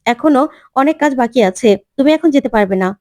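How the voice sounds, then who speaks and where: Mohona: a woman voicing a brisk woman doctor. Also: high-pitched, lively intonation, a little mellow, no room sound. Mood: firm. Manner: brisk, authoritative. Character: firm middle-aged woman doctor.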